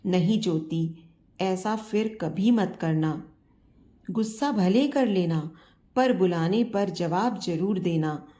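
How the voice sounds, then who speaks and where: A woman's voice: fairly low pitch, slow pace, dark tone. A woman voicing a joking, affectionate husband in his sixties who teases and pleads with his wife. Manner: teasing, fond, pleading.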